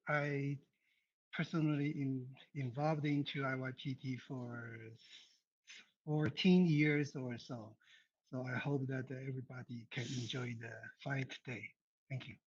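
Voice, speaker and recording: A man's voice: medium pitch, steady tone, unhurried, breathy edge. Man, slightly muffled. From Taiwan. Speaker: tournament juror. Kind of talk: self-introduction. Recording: slightly dull call audio.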